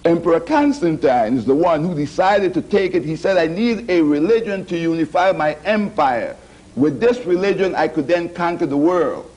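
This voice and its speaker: Man, TV guest historian, relaxed conversational manner, somewhat high voice. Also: moderate pace, poor audio. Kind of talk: TV studio discussion.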